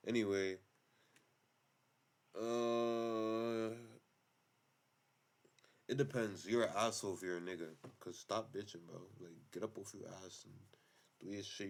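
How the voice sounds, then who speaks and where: Streamer type, man, low voice, blunt slangy profane reactions. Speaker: streamer reacting to online stories. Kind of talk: casual reaction commentary.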